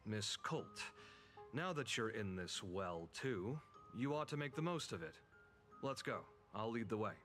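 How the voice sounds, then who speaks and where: An actor playing a calm male guide in a game, explaining the history of a place in a measured way. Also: lowish voice. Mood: solemn. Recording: game audio with music underneath.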